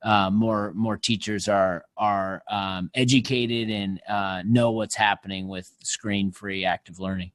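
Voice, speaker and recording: Low-voiced podcast host, dry sound. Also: male voice, fairly even intonation, measured pace, few pauses, a bit bright, no echo. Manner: friendly, hesitant questions with fillers. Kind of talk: interviewer asking questions.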